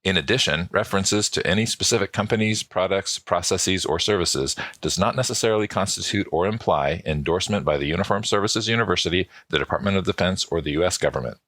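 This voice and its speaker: A man co-hosts the podcast, low-pitched yet bright and forceful in tone. He reads formal text and then trades quick quips. The recording is dry and close. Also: no room sound. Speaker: podcast co-host. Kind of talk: read disclaimer and casual chat.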